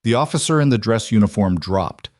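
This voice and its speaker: Man, story narrator, low voice, dry close sound, measured reading. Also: animated, a little mellow, no echo.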